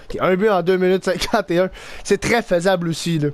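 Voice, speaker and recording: Excitable Québécois man narrating his hockey game. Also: high-pitched, fairly quick, slight background noise. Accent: Québécois French. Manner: excitable, swings between groans and shouts. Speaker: gaming YouTuber. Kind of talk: live gameplay commentary.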